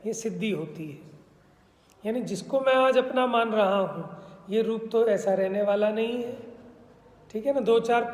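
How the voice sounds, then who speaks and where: A spiritual teacher gives a religious discourse in an extremely high-pitched voice with a darkish tone, recorded in a reverberant hall. He explains patiently and often checks that his listeners understand.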